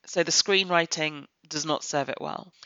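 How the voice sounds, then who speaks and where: Blunt, bright-voiced woman reviewing films. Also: low voice, normal speed, dry recording. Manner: blunt, opinionated critique. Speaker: film reviewer. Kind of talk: solo film review podcast. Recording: slightly dull, dry podcast audio.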